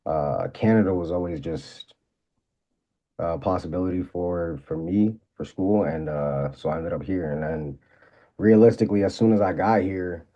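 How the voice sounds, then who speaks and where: A man's voice: deep voice, moderate pace, highs cut off. A young man from Maryland, a guest rapper talking in a laid-back, slangy, rambling way with lots of fillers. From Maryland, USA. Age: young adult. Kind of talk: casual interview.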